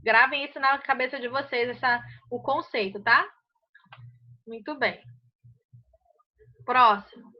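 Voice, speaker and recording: A Brazilian Portuguese woman explains grammar rules to a class, pausing often to ask if everyone understood. Her voice sits high. The recording sounds muffled and lo-fi. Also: fairly even intonation. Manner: patient, checks understanding often. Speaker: English teacher. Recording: muffled lo-fi audio.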